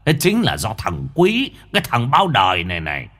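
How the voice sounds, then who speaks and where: A man voicing a cryptic, gruff old ghostly master, who lectures slowly in a gravelly voice. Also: mid-range voice, wildly swooping pitch, fairly bright tone, slight background noise, heavily acted. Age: older. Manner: slow, gravelly mock-wise lecturing.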